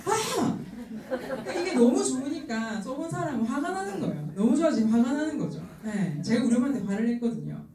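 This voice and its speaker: A middle-aged woman giving a lively sales talk to an audience, acting out the people she quotes and laughing often. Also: high-pitched, fast, far from the mic. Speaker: skincare sales speaker. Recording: roomy hall, voice from afar, faint ambience.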